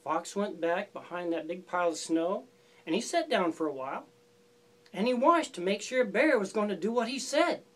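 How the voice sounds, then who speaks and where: A woman storyteller telling an old animal folk tale in a relaxed, conversational way, with repetition for effect. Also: medium pitch, normal speed.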